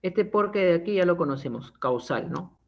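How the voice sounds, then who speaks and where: A male teacher explains grammar in an online class, checking in often with quick tags and joking everyday examples. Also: high voice, lively intonation, gravelly. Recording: dull lo-fi online class audio.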